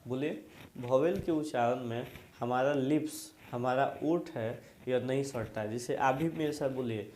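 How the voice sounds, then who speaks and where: Slow, repetitive male grammar teacher. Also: medium pitch, darkish tone, a little hiss or hum. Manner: repetitive drilling, quizzing students and having them repeat after him. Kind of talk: classroom lesson explaining grammar. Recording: echoey room.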